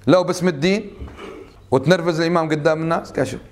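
A man's voice: on the high side, fairly even intonation. A man preaching at great speed. His delivery is fervent, and he acts out his stories as he teaches the congregation in a mosque. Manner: fervent, rapid, acts out anecdotes. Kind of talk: religious lesson.

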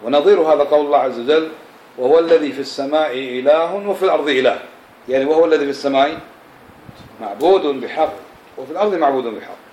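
A man teaching a classroom religious lesson, explaining scripture and often checking understanding with quick questions to his students. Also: a little high, a little mellow, slight background noise. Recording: echoey room.

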